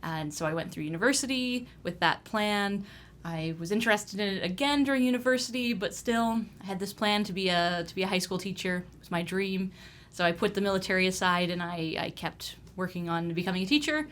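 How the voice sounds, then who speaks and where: A woman's voice: mid-range voice, fairly quick, a bit bright, a little hiss or hum. A young woman from Ontario, a podcast guest telling her story in a chatty, hesitant way with many fillers. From Ontario, Canada. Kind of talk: casual interview.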